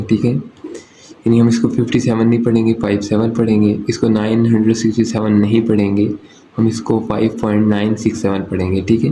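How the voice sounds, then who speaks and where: Flat-voiced maths teacher, roomy echo. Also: male voice, lowish voice. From Pakistan. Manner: asks and answers his own questions, often checks "okay". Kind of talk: step-by-step lesson explanation. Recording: roomy echo with faint background noise.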